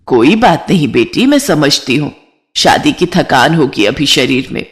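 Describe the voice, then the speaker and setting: A woman's voice: low-pitched, big pitch swings, unhurried, voice pushed down. A woman voicing a kind middle-aged mother-in-law who talks in a soothing, motherly way. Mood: gentle.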